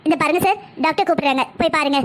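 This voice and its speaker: A woman's voice: sits high, rapid-fire, natural voice. A woman voicing a young female nurse in a cartoon, speaking politely and in a hurry. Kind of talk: cartoon voice acting.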